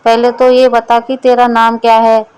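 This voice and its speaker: A woman's voice: a little high, completely flat delivery, normal speed, darkish tone, smooth, natural voice, poor audio. A woman voicing a lazy, gluttonous fat man who grumbles and scolds his servant in a storybook. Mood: scolding.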